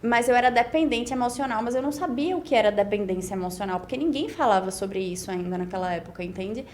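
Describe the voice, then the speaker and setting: A woman's voice: on the high side, quick pace, slight background noise. A woman in her twenties with a Pernambuco accent, a podcast guest talking through her story in long, reflective stretches, often tagging on "né?". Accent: Brazilian Portuguese, Pernambuco. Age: 20s. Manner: reflective, talks in long run-on stretches with frequent "né?". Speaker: guest, beauty pageant winner. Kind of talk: casual podcast interview.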